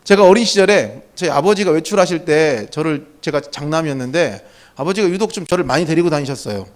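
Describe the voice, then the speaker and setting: High-voiced man preaching conversationally. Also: fast talker. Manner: conversational, animated storytelling. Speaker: pastor. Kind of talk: sermon.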